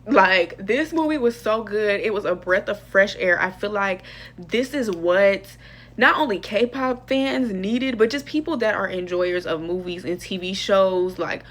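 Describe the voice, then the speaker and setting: A young woman talks through a movie review in a loose, slangy vlog style. She is expressive and chatty, and her voice jumps up and down as she gets into it. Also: a little hiss or hum. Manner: chatty, expressive, slangy, lively pitch swings.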